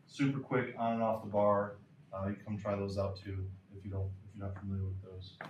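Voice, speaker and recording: A man's voice: lowish voice, flat delivery, fairly quick, recorded from a distance, dull audio, background noise. A man coaching throwers in a clinic lecture, emphatic and repeating key points, in a lecture hall. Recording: roomy lecture hall from afar.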